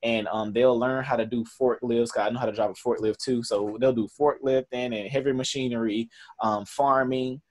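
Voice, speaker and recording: A man's voice: medium pitch, fairly even intonation, moderate pace, hardly any pauses, a little mellow. A man in his twenties with a Southern US accent, speaking earnestly in a conversational interview with many fillers and restarts. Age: 20s. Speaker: camp founder.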